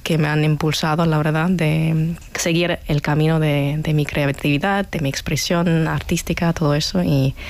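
A woman's voice: deep voice, fairly even intonation, moderate pace. Heartfelt young-sounding woman on the radio. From half German, half Vietnamese. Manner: warm, heartfelt, with small restarts. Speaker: event organizer, guest. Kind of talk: radio interview.

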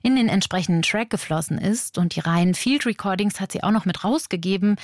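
A woman presenting a radio feature, narrating in a measured, explanatory way. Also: medium pitch, no echo, clean studio sound.

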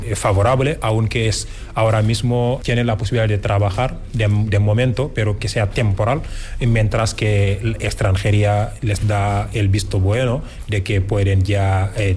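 A man who leads an immigrant association, explaining things in a formal, measured way in an interview. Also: on the low side, level tone, darkish tone, slight background noise. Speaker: association leader. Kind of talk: interview answers.

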